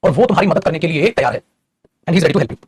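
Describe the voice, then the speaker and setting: Male grammar teacher, high voice, husky tone, very quick delivery, classroom lecture, keeps checking with students. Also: expressive, no room sound. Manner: rapid and explanatory, addresses students as "beta", often asks "theek hai?". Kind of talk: classroom lecture in Hindi mixed with English.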